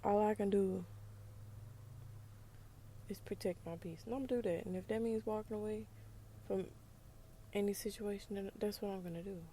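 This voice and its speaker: Southern US woman, casual vlog monologue, mellow warm tone, frank and emphatic with conversational asides. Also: mid-range voice, steady tone, normal speed, pauses often, slight background noise. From United States. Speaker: vlogger.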